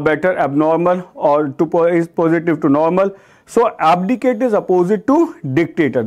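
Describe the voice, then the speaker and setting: A young Indian man with an Indian accent runs an online vocabulary class for exam prep, speaking in a fairly high voice that rises and falls with lively movement. He addresses his students warmly as 'beta', and he slows right down when he reads English definitions aloud. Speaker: vocabulary teacher.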